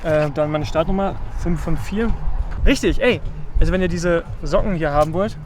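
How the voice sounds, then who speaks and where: A man chatting casually to the camera in a relaxed, rambling way, with many filler sounds. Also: on the high side, normal speed, slight background noise. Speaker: pro gravel cyclist vlogging a race trip. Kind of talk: casual vlog chat to camera.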